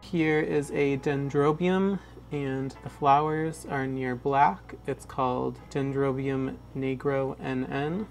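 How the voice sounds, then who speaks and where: A man's voice: medium pitch, fairly even intonation, takes it slowly, creaky, soft background music. A man in his twenties narrating a casual home plant tour with wry, playfully dramatic asides, talking over passing trucks. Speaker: houseplant vlogger. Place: indoors at home by an open window. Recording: background noise from passing trucks. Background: passing truck traffic noise.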